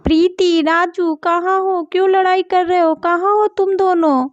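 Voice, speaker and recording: A woman's voice: extremely high pitch, steady tone, unhurried, no room sound. A woman voicing a worried, caring mother in a doll story, talking urgently. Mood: anxious, urgent. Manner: urgent, fussing. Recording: dull dry home recording.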